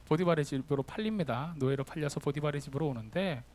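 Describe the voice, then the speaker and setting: A young man preaching a sermon to young adults, telling the story lively and acting out the figures' words. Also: a little high, fast talker. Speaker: youth pastor.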